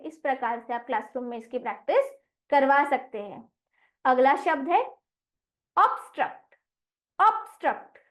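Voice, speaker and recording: A woman teacher giving an online lesson, saying each word slowly and spelling it out letter by letter. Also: sits high, highs cut off. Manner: slow, deliberate, spells words out letter by letter. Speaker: English teacher.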